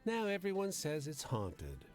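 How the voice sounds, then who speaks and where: A man's voice: fairly high pitch, wildly swooping pitch, measured pace, faint music behind, voice pushed up. A man voicing a sly, folksy woman who tells a suspenseful tale in a story game. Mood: sly, teasing. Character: sly female storyteller with a secret, playful ghostly lady. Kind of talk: video game character voice.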